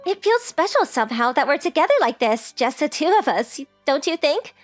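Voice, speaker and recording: Sing-song and brisk, a woman's high-pitched voice carries a coy, teasing mood over soft background music. She plays a sweet, polite, wealthy teenage girl who is coy yet forward, delivering anime-style dialogue for a romantic comedy comic dub.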